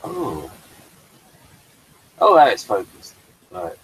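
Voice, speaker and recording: A playwright showing his work chats casually on a video call about his stage play, rambling with lots of fillers and restarts. His voice is lowish, sing-song, slow, a bit bright with a breathy edge, and the recording is low quality.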